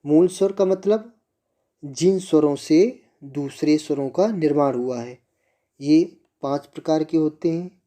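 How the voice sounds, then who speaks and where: A male teacher explains grammar rules step by step. His voice is very dark and mellow, and he speaks slowly, posing a question to the class and then giving the answer himself. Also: fairly high pitch. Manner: slow, patient, asks the class questions and answers them himself. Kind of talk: classroom lesson on Sanskrit grammar.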